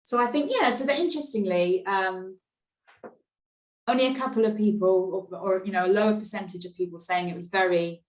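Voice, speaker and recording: A woman's voice: mid-range voice, brisk. Woman hosting a webinar, roomy sound. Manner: friendly, runs polls and hands over to speakers. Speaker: host. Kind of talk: webinar moderation.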